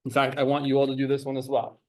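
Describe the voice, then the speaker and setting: A male instructor with a mid-pitched voice runs a classroom review in the manner of an exam proctor. He gives direct, informal instructions and coaches students through each step of the work. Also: completely flat delivery, fast. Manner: exam proctor calling out time limits and instructions. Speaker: calculus instructor running a timed exam review. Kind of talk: classroom maths lesson, explaining worked problems step by step.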